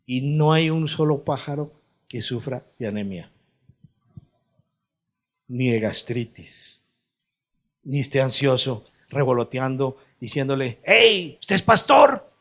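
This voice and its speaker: A man preaching a sermon as pastor, moving from quiet, low passages to loud, high appeals and asking his listeners questions. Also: slow pace, long pauses.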